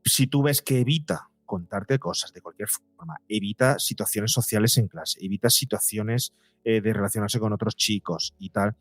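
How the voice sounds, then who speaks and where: Faint music plays behind a man with a lowish voice speaking at normal speed in an echo-free recording. As a psychologist and podcaster being interviewed, he teaches conversationally and asks rhetorical questions.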